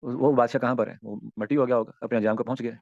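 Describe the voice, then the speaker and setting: A man teaches a religious class, explaining verse line by line and pressing his point with rhetorical questions. His voice sits at an ordinary male pitch. The recording is dry and slightly muffled. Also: fairly even intonation, a little mellow, no echo. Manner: rhetorical questions, rising and falling emphasis. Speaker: Islamic teacher.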